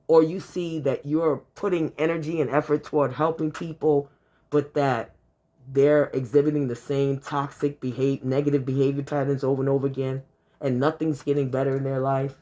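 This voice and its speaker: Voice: medium pitch, a little mellow. A speaker in their fifties giving casual life advice to camera, talking conversationally, repeating points and stacking long lists of examples. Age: 50s. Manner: conversational, repetitive, peppered with "you know". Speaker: advice vlogger.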